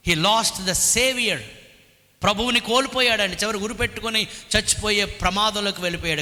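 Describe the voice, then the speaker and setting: A pastor preaching a sermon, asking the congregation rhetorical questions and half-singing hymn lines. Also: male voice, sits high, bright, forceful tone. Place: church hall. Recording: reverberant church hall.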